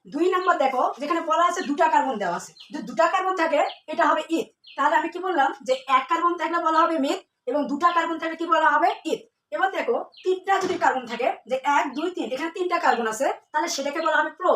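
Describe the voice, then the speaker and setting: A woman with a high, fast, fairly bright voice teaches students a chemistry lesson, posing questions, answering them herself and repeating key terms. The room echoes, the mic sits at a distance, and there's a little hiss or hum.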